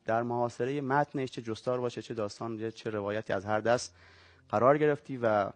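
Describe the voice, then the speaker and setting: A man being interviewed as a guest, who talks about books and film in a reflective, measured way and reads aloud. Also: medium pitch, dry recording. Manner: reflective, measured literary talk. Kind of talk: talk show interview and reading aloud.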